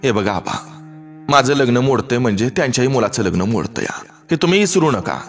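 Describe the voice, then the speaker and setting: A man's voice: mid-range voice, lively intonation, normal speed, a bit bright, faint music behind, voice pushed up, close to an everyday voice. A man voicing a proud, defiant young village woman with a rural Marathi accent, speaking in a raised, impassioned way. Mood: defiant, indignant.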